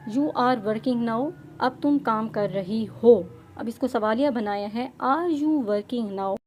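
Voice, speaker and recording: A woman gives a grammar lesson. She reads each example sentence slowly and clearly, then gives its translation. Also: on the high side, a little hiss or hum. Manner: slow, carefully enunciated example sentences. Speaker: English teacher.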